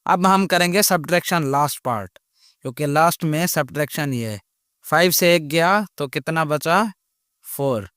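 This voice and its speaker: A male math teacher walks through a problem at a very unhurried pace. His voice sits a little high and comes through smooth and clear. He keeps pausing to ask whether students follow. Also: a bit bright, no echo, clean studio sound. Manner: slow, patient explaining with repeated check questions. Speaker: math teacher, channel host. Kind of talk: step-by-step math lesson.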